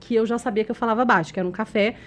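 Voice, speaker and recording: A Brazilian woman who is a communication expert and a podcast guest, telling a personal story in an animated way, often laughing, who says she talks loudly by habit. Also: fairly high pitch, very fast, slight background noise. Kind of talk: casual interview storytelling.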